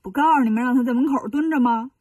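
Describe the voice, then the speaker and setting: A woman voicing a grumpy, snobbish old male temple abbot who talks in a gruff, dismissive way, in a storybook retelling. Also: a little high, expressive, normal speed, a little mellow, no echo, far from the mic. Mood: flustered.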